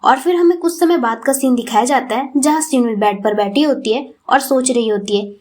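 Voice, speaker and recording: A woman's voice: high-pitched, a little fast, darkish tone. Woman chattily retelling a romance comic. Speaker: comic recap narrator. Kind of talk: casual storytelling recap.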